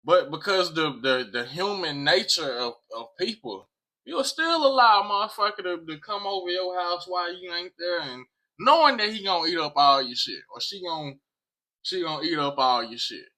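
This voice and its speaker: A man's voice: sits high, expressive, normal speed, bright, forceful tone, poor audio. An American man talking casually to viewers in an emphatic way, repeating phrases and swearing freely. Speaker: vlog host.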